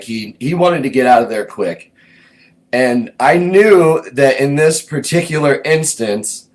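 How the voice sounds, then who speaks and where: Over poor audio, a show host with a medium-pitched, darkish voice tells stories about his music career. He is laid-back and meandering, thinking aloud as he casually recounts his own past.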